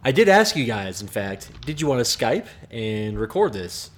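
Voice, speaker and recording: Male podcast host, casual, halting delivery over a video call. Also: medium pitch, big pitch swings. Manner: halting, many restarts, chuckling.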